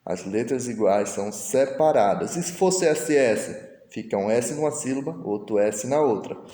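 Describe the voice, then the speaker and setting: A man's voice: mid-range voice, expressive, moderate pace, warm tone. A male teacher, patiently explaining a lesson step by step and voicing his students' questions himself. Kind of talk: recorded online lesson. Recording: echoey room with long reverb.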